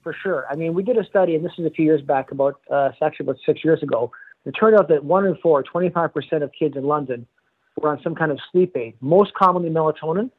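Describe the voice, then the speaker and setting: Fast-talking professor on a phone line. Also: male voice, fairly high pitch, husky. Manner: measured, explanatory, self-correcting. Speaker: pediatrics and pharmacology professor. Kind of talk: phone interview.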